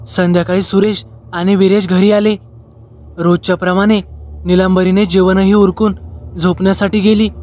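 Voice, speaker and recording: A man narrating a horror story in a slow, measured style, phrasing it in short lines. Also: high-pitched.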